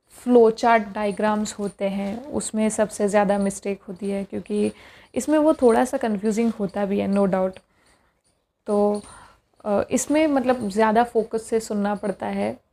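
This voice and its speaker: A young woman giving casual spoken study advice to her viewers, pausing often to gather her thoughts. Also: medium pitch, gravelly, dark tone. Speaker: test-prep tips vlogger.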